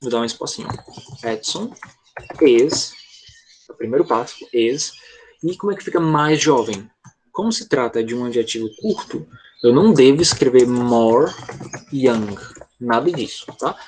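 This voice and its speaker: Brazilian male teacher, mid-pitched, methodical and patient, slight noise under the voice. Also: lively intonation, unhurried, long pauses, darkish tone. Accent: Brazilian Portuguese. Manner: patient, step-by-step, checks understanding often. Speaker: English teacher. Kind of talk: online class explanation.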